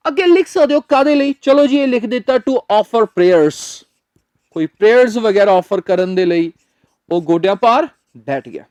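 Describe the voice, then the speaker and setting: A man's voice: high-pitched, lively intonation, moderate pace, darkish tone, no echo. Patient male English teacher, dry sound. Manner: spells words letter by letter and drills students with repetition; patient, step-by-step explaining. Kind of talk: spoken English lesson.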